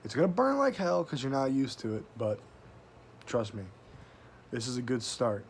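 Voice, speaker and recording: A man's voice: mid-range voice, big pitch swings, normal speed, slight background noise. A man giving a casual, sweary, folksy review to camera, talking with a tobacco pouch tucked in his lip. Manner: casual, profanity-laden, folksy slang. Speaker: product reviewer.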